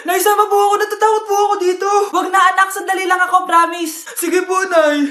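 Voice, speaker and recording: Woman, very high voice, comedy skits, playing all the parts, echoey room. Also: level tone, fairly quick. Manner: switches between characters, often shouting. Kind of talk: comedic skits, one voice playing every part.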